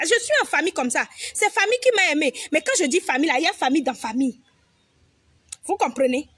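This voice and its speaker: Young woman vlogger, high-pitched, preachy and foul-mouthed, lecturing her audience. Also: a bit bright, no echo, clean studio sound. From Togo. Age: young adult. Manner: emphatic, repetitive, preachy; blunt, swears freely. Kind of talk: direct-to-camera advice monologue.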